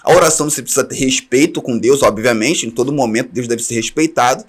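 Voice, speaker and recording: A man's voice: mid-range voice, fast. A man from Brazil giving an online class to teachers, with earnest advice aimed straight at his listeners. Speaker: teacher trainer.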